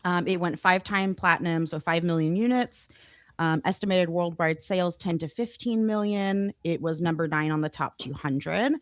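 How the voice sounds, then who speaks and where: Woman co-host, lowish voice, playful music chat, dry close mic. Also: normal speed, no echo. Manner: chatty, laughs easily, playful. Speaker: podcast co-host. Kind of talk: casual chat about music.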